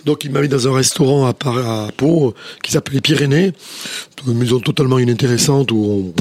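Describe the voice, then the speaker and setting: A middle-aged chef from southwest France with a southwest French accent, telling stories in a rambling way with many restarts. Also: male voice, medium pitch, a little fast, darkish tone. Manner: rambling, many restarts, says "tu vois" often. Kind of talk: casual interview storytelling.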